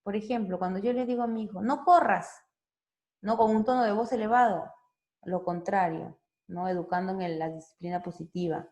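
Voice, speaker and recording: Gravelly woman psychologist. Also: mid-range voice, fairly even intonation, a little fast, warm tone. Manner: conversational, frequent tag questions; explains step by step with examples. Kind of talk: informal talk for parents.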